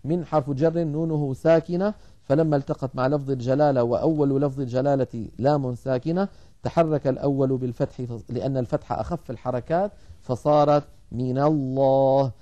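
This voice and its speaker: Measured man teaching recitation rules, mellow tone. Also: mid-range voice, fairly even intonation, dull audio. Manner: measured explanation, slowly chanting quoted verses. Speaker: teacher of Arabic grammar and Quran recitation. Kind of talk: televised lesson.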